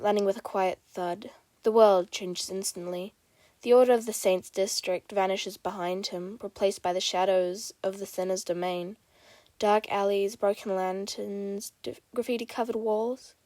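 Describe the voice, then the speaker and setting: A woman's voice: medium pitch, darkish tone, dry recording. A woman reading a fan fiction story aloud, then chatting casually with fillers like "um" and "like". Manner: casual, lots of "like" and "um" in chat.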